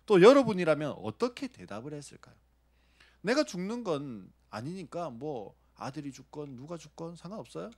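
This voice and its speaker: A man's voice: on the high side, very animated, normal speed, darkish tone. A man preaching a sermon, asking the congregation questions and acting out short lines of dialogue. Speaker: pastor.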